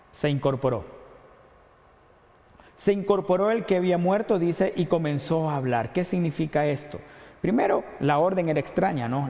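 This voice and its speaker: A man with an Ecuadorian Spanish accent preaching a sermon as pastor, earnestly asking rhetorical questions and dropping his voice low on key points. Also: darkish tone. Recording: long hall reverb.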